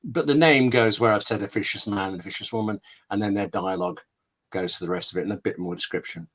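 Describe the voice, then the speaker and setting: Talking quickly in a lowish, fairly bright voice, a man answers questions as a scriptwriter on an online call. His explanatory webinar chat is candid and full of examples and anecdotes, and he keeps interrupting himself.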